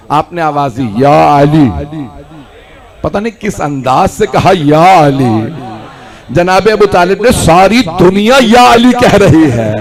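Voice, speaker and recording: A man preaching a sermon to a large gathering, building to shouted climaxes and pleading with the listeners for attention. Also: sits high, vocal fry. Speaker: Shia cleric giving a majlis sermon. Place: large hall before a crowd.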